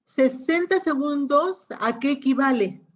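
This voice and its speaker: A woman's voice: high voice, a little slow. A woman, a teacher giving an online class lecture, explaining patiently and often checking that students follow. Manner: explains patiently, checks understanding with frequent questions. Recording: dull lo-fi audio.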